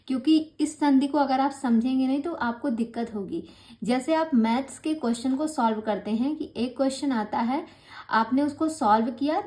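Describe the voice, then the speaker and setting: High-voiced woman teaching grammar. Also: a little mellow. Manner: encouraging, patient explaining, slows to spell out rules. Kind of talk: online grammar class.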